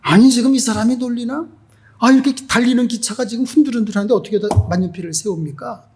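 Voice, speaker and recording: A man's voice: high voice, steady tone, fast, gravelly, a little mellow, slight background noise. A pastor acting out an irritable, despairing man on a train who snaps back in exasperation. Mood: irritated. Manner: snapping and exasperated.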